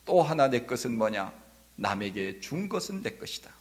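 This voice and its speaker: A man's voice: medium pitch, normal speed. A middle-aged man preaching a Sunday sermon as pastor, talking directly to his congregation and closing in prayer. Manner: lively preaching with playful dialect impressions.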